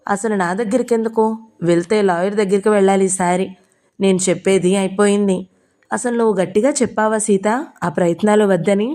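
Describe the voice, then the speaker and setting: Woman narrator, audio novel, calm measured reading, medium pitch.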